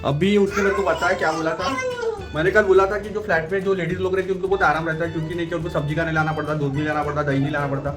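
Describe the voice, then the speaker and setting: Fast-talking man rambling on at home. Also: fairly high pitch, level tone, music in the background. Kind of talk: casual chat on camera.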